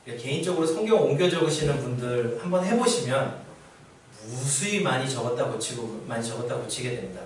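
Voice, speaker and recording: A man's voice: medium pitch, a little hiss or hum. A man preaching a sermon as pastor, speaking conversationally and asking the congregation rhetorical questions. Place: church sanctuary. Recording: very echoey church hall from far off.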